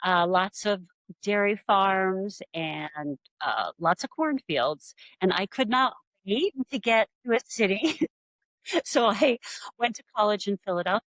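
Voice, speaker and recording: A woman's voice: medium pitch, a bit bright, no echo, poor audio. A middle-aged woman from rural Pennsylvania, an artist telling her story in an interview with many fillers. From rural Pennsylvania, USA. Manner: rambling, many fillers, quick bursts. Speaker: artist, podcast guest.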